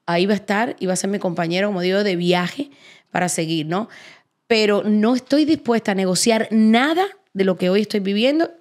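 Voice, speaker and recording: A woman's voice: medium pitch, darkish tone. Emphatic middle-aged woman hosting a podcast. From Cuba. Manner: emphatic, repeats words for emphasis. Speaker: podcast host. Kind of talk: casual chat.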